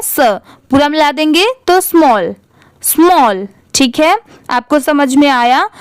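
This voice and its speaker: A woman's voice: high-pitched, no room sound, studio quality. A woman English teacher with an Indian accent, spelling words letter by letter and reading them out patiently. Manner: patient, repeats each word twice.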